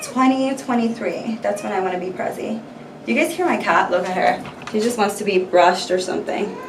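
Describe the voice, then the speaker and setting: Speaking fairly quickly in a medium-pitched, expressive voice, this woman rambles casually to her vlog audience with lots of fillers. The mic sits far off in an echoey room, and background noise comes through.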